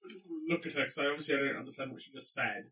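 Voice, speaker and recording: A man's voice: medium pitch, very fast, pushed and bright, far from the mic, rough recording. A man playing a tabletop game, speaking in a dry, matter-of-fact way. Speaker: player. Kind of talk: tabletop role-play.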